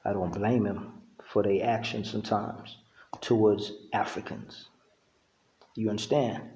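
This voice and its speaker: Slow, laid-back middle-aged man, roomy sound. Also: fairly low pitch, fairly even intonation, warm tone. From Uganda. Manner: laid-back, conversational, with frequent "you know what I'm saying". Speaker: vlogger. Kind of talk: casual monologue to camera.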